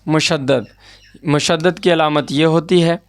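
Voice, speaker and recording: A man with a slightly high voice teaches a grammar lesson, patiently repeating each point and pausing to check that the class follows. The sound is dry and close, with no room echo. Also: fairly even intonation, clean tone. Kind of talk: board lesson explaining grammar.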